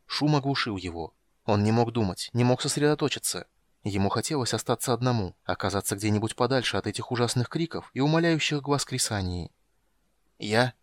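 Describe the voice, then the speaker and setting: A man narrating a fantasy audiobook in an expressive storytelling manner. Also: mid-range voice, fairly quick, dry recording. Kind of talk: scripted narration.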